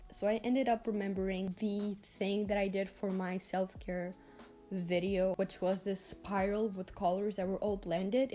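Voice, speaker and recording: A woman's voice: medium pitch, warm tone. A teenage girl talking casually as a vlogger about her design work, chatty and full of "like" fillers. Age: teens. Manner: chatty, lots of "like" fillers, gushing. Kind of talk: casual vlog talk over screen recording.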